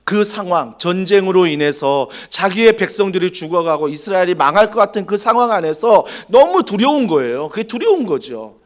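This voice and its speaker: Male pastor, lively high voice, dramatic sermon delivery in a church. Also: brisk, hardly any pauses. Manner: dramatic, acts out quoted dialogue, asks the congregation questions.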